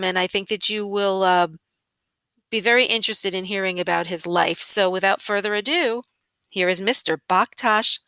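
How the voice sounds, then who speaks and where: Bright, crisp-voiced woman podcast host. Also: medium pitch, no room sound. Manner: chatty, hesitant with fillers. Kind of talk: casual podcast intro.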